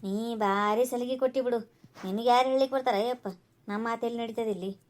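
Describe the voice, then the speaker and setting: This is a woman voicing a scolding cartoon mother from a village, sarcastic and always complaining about her son's choices. She speaks, in a high, piercing pitch. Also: fairly even intonation, brisk, darkish tone, close to an everyday voice. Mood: grumbling. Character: nagging middle-aged village mother, sharp-tongued. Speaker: voice actor. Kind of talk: cartoon voice acting.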